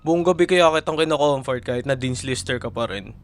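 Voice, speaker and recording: A man with a Filipino accent plays an affectionate, teasing young college boyfriend in an intimate ASMR roleplay, softly hesitant and playfully teasing. His medium-pitched voice is fairly quick and lightly acted.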